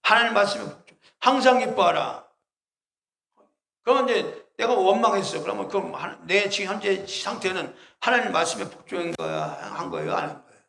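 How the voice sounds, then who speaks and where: A male pastor preaches in a church hall, pressing his listeners with rhetorical questions. His voice is high and gravelly, and it rings out in a roomy, echoing space. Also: big pitch swings, a little fast, a bit bright. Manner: emphatic, full of rhetorical questions to the congregation. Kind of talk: sermon. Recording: roomy echo.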